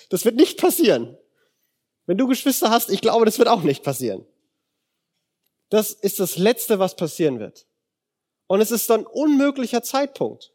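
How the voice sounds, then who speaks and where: A young man preaches in a relaxed, slangy way, retelling an old story as if chatting with friends. His voice sits fairly high and he acts out the quoted lines with shifting tones. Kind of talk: casual youth sermon retelling a Bible story.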